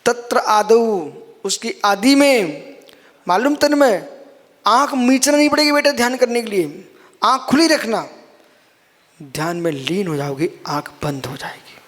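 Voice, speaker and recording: High-voiced Jain monk preaching in a hall. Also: male voice, expressive, unhurried, long pauses, fairly bright tone. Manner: explains scripture line by line, addresses listeners as son and brother. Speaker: Jain monk giving a discourse. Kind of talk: sermon.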